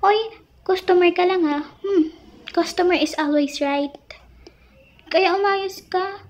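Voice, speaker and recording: A woman's voice: extremely high pitch, steady tone, slow pace. A woman doing a bossy rude shop owner. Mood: scornful. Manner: scolding, insulting. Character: bossy rude female pizza shop owner in mascot suit. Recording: dull lo-fi recording.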